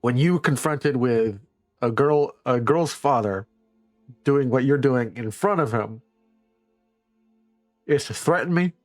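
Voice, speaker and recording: A stern, strong-willed father , acted by a man at a tabletop game. He speaks deliberately and squarely confronts his listener. Faint music sits behind the voice. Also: medium pitch, no echo, close to an everyday voice. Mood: affronted.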